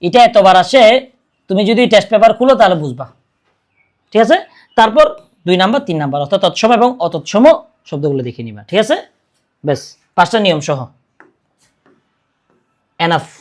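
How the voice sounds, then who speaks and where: A man's voice: high-pitched, lively intonation, fairly quick, pauses often. Young male tutor, casual video lesson, coaxing questions, self-answered prompts. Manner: coaxing, keeps asking "okay?" and answering his own questions. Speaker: exam prep tutor.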